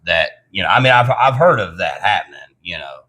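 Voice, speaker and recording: A man co-hosting a casual chat who speaks haltingly, with many fillers and throat clearing. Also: sits low, big pitch swings, sharp tone. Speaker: co-host.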